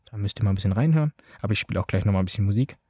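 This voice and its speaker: Casual male dance instructor, chatty, mellow lower voice, talks straight to camera. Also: expressive, racing, no echo, studio quality. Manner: chatty, filler-heavy, addresses listeners directly. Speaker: dance teacher. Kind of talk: informal spoken tutorial.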